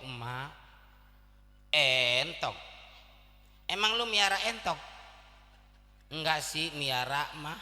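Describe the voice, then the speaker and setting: A man with a Betawi accent giving a comic sermon, telling stories and acting out dialogue. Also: high-pitched. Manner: storytelling with acted dialogue, lively. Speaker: preacher. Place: mosque gathering. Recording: echoey hall reverb.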